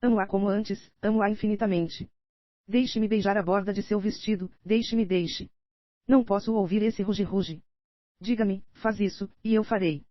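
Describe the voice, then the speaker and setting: A woman's voice: mid-range voice, fairly even intonation, normal speed, no room sound, natural voice. A Brazilian woman voicing a scheming older nobleman in an audiobook, read steadily in her own voice, slightly dull and dry. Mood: pleading, insistent. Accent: Brazilian Portuguese.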